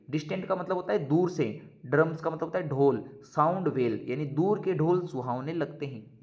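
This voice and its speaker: A male teacher with a fairly high voice runs through an exam-prep lesson in Hindi. He explains each point, says it again in other words, and slows right down to dictate the English phrases. The recording sounds dull and lo-fi.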